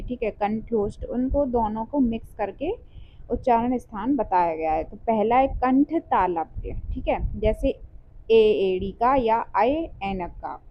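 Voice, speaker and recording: A woman's voice: fairly high pitch, a little hiss or hum. A woman teaching an exam-prep lesson, explaining step by step and sounding out letters, often checking in with "theek hai". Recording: dull lo-fi sound.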